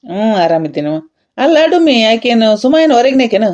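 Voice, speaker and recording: Lady doing a teasing cartoon uncle, fast drawl, dull muffled sound. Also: a little high, sing-song, darkish tone. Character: teasing older uncle, husband of the aunt. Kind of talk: cartoon dialogue acting.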